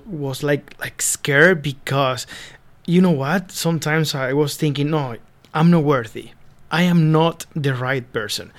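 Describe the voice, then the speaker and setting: A young Venezuelan man with a Spanish accent and a voice on the high side, a seminarian appearing as a guest, earnestly tells his story in a casual interview, often repeating words while he searches for the right ones.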